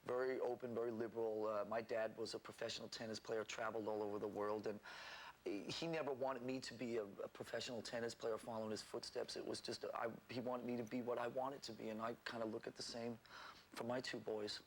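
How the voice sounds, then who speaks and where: Rambling Danish-born man, mid-range voice, relaxed interview guest, stumbles and laughs at himself. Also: medium pitch, brisk, slight background noise, rough recording. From Denmark. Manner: chatty, self-deprecating, many restarts and fillers. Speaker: interview guest, rock drummer. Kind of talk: casual interview talk.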